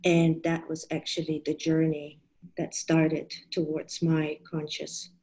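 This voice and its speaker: A woman's voice: low voice, monotone, slow, a little mellow, rough recording. A woman in her thirties who grew up in Germany, giving an online talk on parenting to fellow coaches, thoughtful, with frequent fillers and restarts. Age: 30s.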